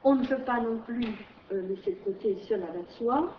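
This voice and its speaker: A woman's voice: on the high side, a little fast, slight background noise. A middle-aged woman giving an academic lecture as a visiting historian, speaking with many fillers and restarts. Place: lecture room. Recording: distant, roomy, dull lecture-hall recording.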